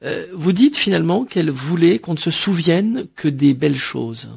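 A man working as a radio interviewer, asking measured questions with frequent hesitant fillers. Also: on the high side, animated, creaky, darkish tone, breathy edge.

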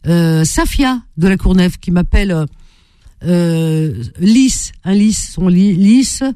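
A woman's voice: fairly low pitch, lively intonation, slow pace, dark tone, clean tone, no echo, studio quality. A woman hosting a call-in radio show, chatting with callers in a playful, affectionate, teasing way.

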